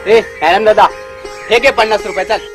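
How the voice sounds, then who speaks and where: A man playing an easygoing village man who talks briskly and offhandedly. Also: high voice, fairly bright tone, soft background music. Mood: offhand.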